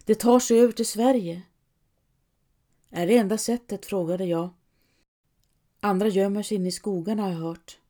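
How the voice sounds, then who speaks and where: A woman narrating a story in the first person, in a measured, intimate storytelling manner. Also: medium pitch, mellow. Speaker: audiobook narrator.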